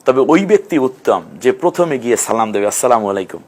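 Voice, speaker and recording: A man's voice: medium pitch, expressive, a little mellow. A man giving a recorded reading lesson, patiently sounding out letters and syllables one by one, asking questions and answering them himself. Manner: patient, repeats each sound slowly for learners; addresses students directly, asks and answers own questions. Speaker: Quran reading teacher.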